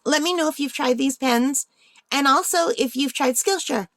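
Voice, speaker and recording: With no room sound in the recording, a woman hosts a craft unboxing, musing aloud in an easy, chatty way. Slightly under the weather, her high-pitched, bright-ish voice is tiring as she keeps a moderate pace.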